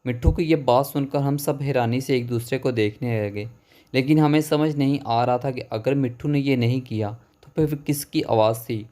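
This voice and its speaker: A man reading a horror story aloud as a storyteller, in a steady, even narration. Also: medium pitch.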